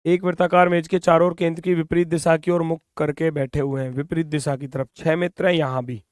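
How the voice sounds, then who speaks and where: A man teaching reasoning in an online exam-prep class, brisk and coaxing, sometimes scolding students playfully, speaking English with an Indian accent. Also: on the high side, flat delivery, no echo, clean studio sound.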